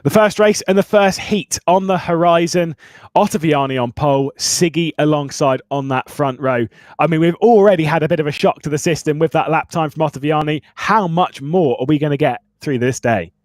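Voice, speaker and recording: A man commentating live on an esports sim race as the lead caller, with excited play-by-play delivery. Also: a little high, moderate pace, dry recording, studio quality.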